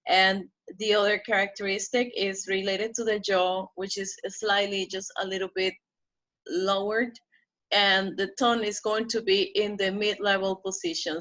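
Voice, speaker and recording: Woman, pronunciation teacher, bright voice, recorded lesson, step-by-step explanations, slow word modeling. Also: mid-range voice, steady tone, lo-fi sound. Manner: explains step by step, with frequent "okay?" checks; slows down to model the target words.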